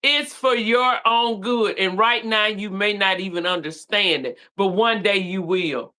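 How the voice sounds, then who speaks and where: A woman's voice: medium pitch, measured pace, sharp tone. A middle-aged woman in a casual chat, speaking earnestly and affirmingly. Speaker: co-host.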